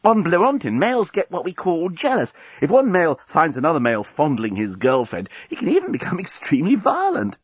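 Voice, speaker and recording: A man's voice: on the high side, huge pitch swings, a little fast, hardly any pauses, breathy edge, dry recording, highs cut off, voice pushed up, exaggerated voice. A man doing a smug, amorous alien journalist. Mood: explaining. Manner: smug, self-satisfied.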